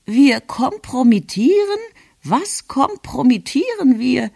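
A man reading aloud and voicing a bewildered elderly grandmother who asks short, drawn-out questions in a raised voice. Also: high-pitched, big pitch swings, gravelly, darkish tone, breathy edge, dry recording, clean studio sound, voice pushed up, exaggerated voice. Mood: baffled.

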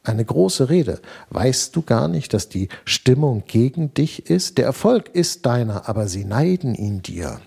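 Guy reading as a quiet coaxing old man, gravelly and husky, audiobook. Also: mid-range voice, big pitch swings, a little slow, hardly any pauses, exaggerated voice. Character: aging male mentor, soft-spoken, persuasive.

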